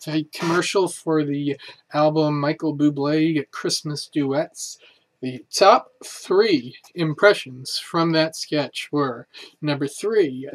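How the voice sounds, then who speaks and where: A man reviewing a comedy show in a casual, halting way, with many filler words. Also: on the high side.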